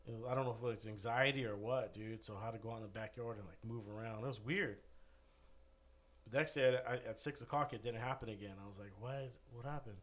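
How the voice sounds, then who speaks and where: A man's voice: lowish voice, fairly even intonation, fast talker. A man chatting casually on a podcast, telling a long, rambling story and saying "dude" a lot, while still recovering from an illness. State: recovering from covid, still short of breath. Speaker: guest.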